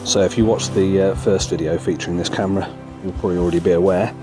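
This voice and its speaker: Out walking in a forest, a man who makes photography vlogs talks in a lowish voice made croaky by a cold. His walk-and-talk narration is easygoing and halting, peppered with ums, while loud music runs beneath his speech.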